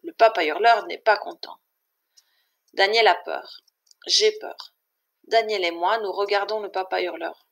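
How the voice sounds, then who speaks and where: A woman reading a children's story aloud for language learners, in a clear, measured way. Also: mid-range voice, fairly even intonation, fairly bright tone. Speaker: reader.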